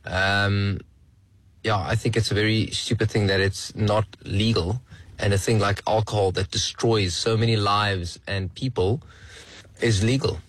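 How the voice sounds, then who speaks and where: A man in his forties speaks slowly and haltingly in a recorded voice note played on air, sharing a personal story as a listener. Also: fairly low pitch, steady tone, no room sound. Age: 40s. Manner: slow and halting, with many pauses and ums. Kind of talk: casual personal testimony.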